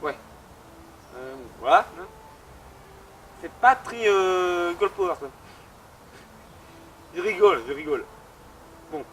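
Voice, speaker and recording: A young man hosts a casual literature explainer in a high, slightly bright voice with lively intonation, speaking slowly with long pauses. He hesitates a lot and makes jokey, self-mocking asides over clear background music, though the recording is rough with slight background noise.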